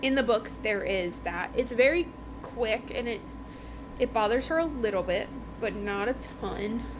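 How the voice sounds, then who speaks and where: A woman hosting a podcast reviews a book in a casual, chatty, emphatic way, repeating phrases for effect. Her fairly high voice keeps a measured pace, and there's background noise.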